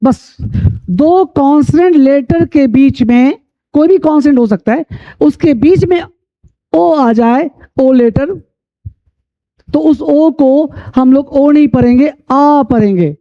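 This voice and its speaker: A man teaching English pronunciation, repeating rules and spelling letters out slowly. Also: extremely high pitch. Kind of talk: classroom-style lesson. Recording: dull lo-fi sound.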